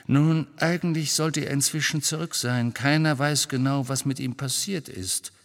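A man reading an audiobook, voicing a restless grown man in hiding who reassures briskly with a bitter edge. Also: mid-range voice, steady tone, fairly bright tone, big-room sound, voice pushed up, natural voice. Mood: tense, bitter.

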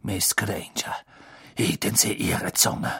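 A man voicing a cold, sneering male teacher with a slow, low, contemptuous drawl. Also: gravelly, darkish tone, breathy edge, heavily acted.

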